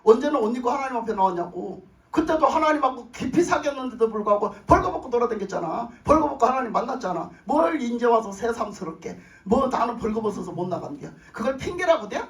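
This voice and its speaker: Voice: medium pitch, expressive, fast talker. A pastor preaching a sermon emphatically, repeating phrases and putting questions to the congregation. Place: church sanctuary with congregation. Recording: roomy echo, voice far from mic.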